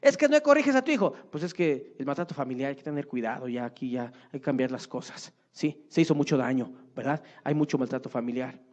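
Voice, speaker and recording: A man's voice: medium pitch, fairly even intonation, fairly quick, hardly any pauses, warm tone. A man preaching a sermon as pastor, emphatic and often checking with the congregation through short tag questions. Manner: emphatic, seeks agreement with repeated tag questions. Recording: muffled lo-fi recording.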